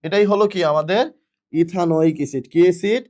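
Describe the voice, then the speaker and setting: Male teacher with a high voice, lecturing a class, answers his own questions. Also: fast, a little mellow. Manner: asks questions and answers them himself, repeats key words. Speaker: chemistry teacher.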